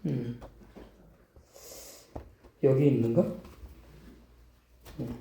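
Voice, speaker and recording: A man's voice: mid-range voice, fairly even intonation, extremely slow, gravelly, warm tone, reverberant. A man preaching a sermon as pastor, emphatic and questioning, often repeating short affirmations to the congregation.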